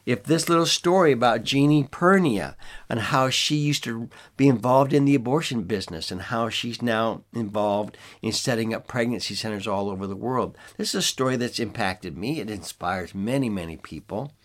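An older man giving an informal teaching talk as a preacher, earnest and measured, with pauses for emphasis. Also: medium pitch. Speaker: preacher and ministry leader.

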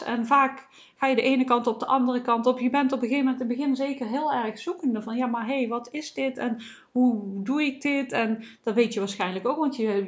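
A woman hosting a casual self-help podcast, speaking in a gentle, reassuring way with many small fillers. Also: fairly high pitch, highs cut off. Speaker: podcast host.

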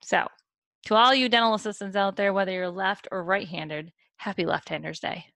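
A woman's voice: medium pitch, steady tone, normal speed, gravelly, fairly bright tone, no echo. A woman who works as a dental assistant, co-hosting a casual chat and giving advice with wry jokes. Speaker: dental assistant, podcast co-host.

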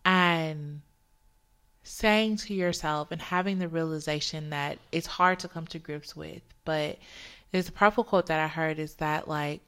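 Woman, podcast co-host, deep voice, reflective, heartfelt. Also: fairly even intonation, a little slow, a bit bright, clear, resonant tone. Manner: reflective, heartfelt, speaks of faith. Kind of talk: casual podcast conversation.

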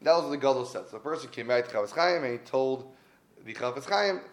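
A man's voice: medium pitch, expressive, fast talker. Earnest man giving a Torah talk. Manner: earnest, conversational, with emphatic repetition. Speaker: Torah teacher. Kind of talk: weekly Torah talk with storytelling.

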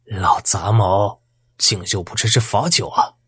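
A man with a husky voice voicing a vicious, vengeful male bandit who taunts his old teacher with menace. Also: on the low side, expressive, normal speed, a little mellow, no echo, clean studio sound. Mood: menacing.

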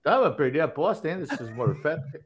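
Older guy, calling in over video, furious and stammering, a high voice. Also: sing-song, fast talker. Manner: angry, cursing, stammering. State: nervous. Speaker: viewer on a video call. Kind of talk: heated call-in rant.

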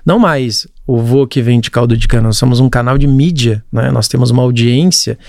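A young man from Brazil, a podcast guest, talking in a lively, chatty way. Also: medium pitch, brisk, creaky, no room sound, clean studio sound. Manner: animated, chatty, laughs often, acts out quotes. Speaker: podcast guest, content creator. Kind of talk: casual chat.

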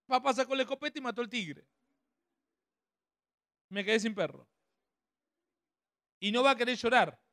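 High-voiced man teaching a workshop. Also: bright, forceful tone, clean tone, dry recording, clean studio sound. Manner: conversational, checks with the audience often. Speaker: speaker at a family workshop.

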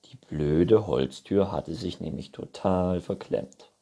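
A man's voice: sits low, takes it slowly, mellow, breathy edge. A man reading a children's book aloud in a playful storytelling manner. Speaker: reader.

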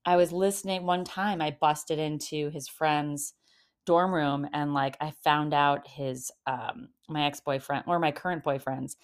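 A woman's voice: deep voice, fairly even intonation, unhurried, smooth. A woman nearly fifty talking casually about dating in a rambling, chatty monologue, full of fillers and laughs. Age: 40s. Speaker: podcast host.

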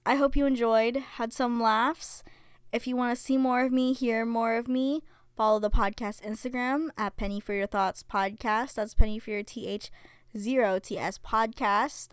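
A woman's voice: fairly high pitch, clean tone, no echo. A young woman hosting a casual solo podcast, chatty with lots of fillers, reading stories aloud. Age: young adult. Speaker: podcast host.

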